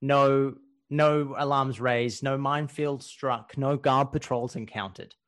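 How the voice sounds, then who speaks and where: A man co-hosting a podcast, telling a war story in casual chat, animated and laughing often, with casual swearing. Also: mid-range voice, slow. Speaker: podcast co-host telling history stories.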